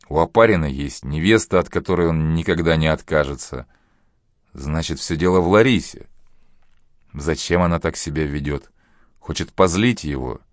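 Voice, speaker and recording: A man reading an audiobook novel aloud in an even, measured way. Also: low voice, dry recording, clean studio sound. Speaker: audiobook narrator. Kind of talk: scripted audiobook narration.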